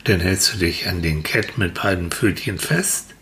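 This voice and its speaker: A man softly telling a slow, soothing guided relaxation story to a listener. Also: low-pitched, slight background noise. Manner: soft, soothing, drawn-out.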